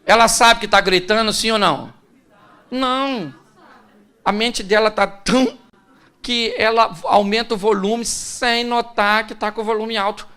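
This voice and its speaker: A man's voice: high voice, unhurried, bright, forceful tone, clear, resonant tone. A man with a Brazilian Portuguese accent, a pastor giving a conversational, humorous sermon and speaking directly to his audience. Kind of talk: sermon on relationships.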